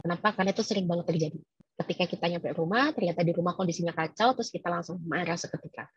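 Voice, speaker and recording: A woman speaking in a casual, lively webinar talk to staff, teasing and quizzing her listeners. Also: fairly low pitch, breathy edge, no room sound, lo-fi sound.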